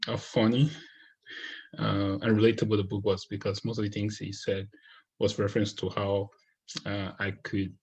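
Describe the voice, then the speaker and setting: A man from Cameroon talks through his thoughts on a book in a relaxed, unscripted way, pausing often with fillers and restarting sentences. His voice sits low and husky, and his delivery stays fairly flat. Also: low-quality recording. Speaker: book reviewer. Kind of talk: casual spoken book review. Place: United States.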